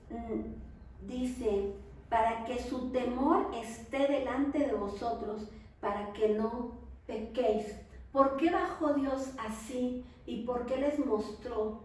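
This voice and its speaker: A woman with a Mexican accent teaching a Bible lesson in church, talking conversationally and often checking with her listeners through quick questions. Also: a little high, darkish tone. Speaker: preacher. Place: large echoey church hall. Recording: very echoey hall, speaker far from the mic, faint noise.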